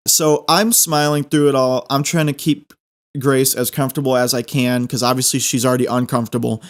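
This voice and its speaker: A man's voice: mid-range voice, little pitch movement, brisk. A man telling a personal anecdote casually, in a rambling, repetitive and self-deprecating way. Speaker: storyteller.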